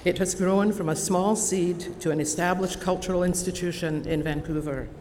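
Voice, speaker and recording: In a large convocation hall thick with long reverb and faint background noise, a woman in her sixties speaks from a podium. She is Scottish, with an Edinburgh accent, a voice on the low side and a steady tone. Receiving an honorary degree, she gives a formal prepared address in a measured, deliberate, warmly earnest manner.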